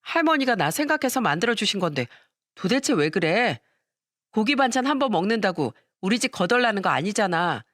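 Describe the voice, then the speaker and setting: A woman's voice: medium pitch, sing-song, a little fast, fairly bright tone, dry recording. An earnest young granddaughter, put on by a woman narrator in a radio-style story. She pleads and stands up for her grandmother in a slightly raised voice. The recording is dry. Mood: indignant.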